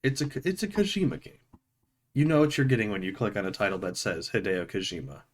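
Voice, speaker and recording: In a lowish, expressive voice, a man rambles through an unscripted, informal video game review, cracking tongue-in-cheek jokes and stopping now and then to find the right words.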